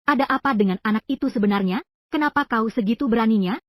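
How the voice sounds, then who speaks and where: A woman's voice: a little high, quick pace, no room sound, clean studio sound, natural voice. A woman voicing lines in a dubbed drama with an emotional, confrontational delivery. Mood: accusing.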